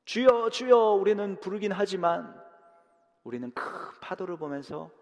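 A male pastor giving a dramatic sermon, swinging from loud emphasis to hushed, near-whispered lines and acting out short prayers and quotes. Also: fairly high pitch, big-room sound. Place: church sanctuary.

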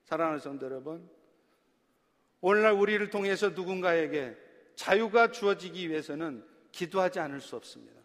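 A male pastor delivering a sermon, swinging from loud emphatic preaching to soft, hushed prayer. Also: high-pitched, animated, brisk. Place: church sanctuary. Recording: long church reverb.

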